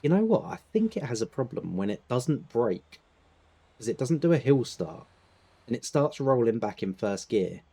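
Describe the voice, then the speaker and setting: A British man chatting casually while playing a driving game, laid-back, laughing often and clearing his throat. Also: mid-range voice, sing-song, normal speed, mellow. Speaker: gaming channel host. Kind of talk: casual gameplay chat.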